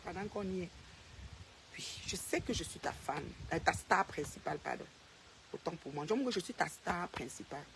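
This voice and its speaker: Her voice is on the low side, with slight background noise behind it. A social media personality, she rants directly at the camera, naming a rival and confronting her head-on while repeating her points for emphasis.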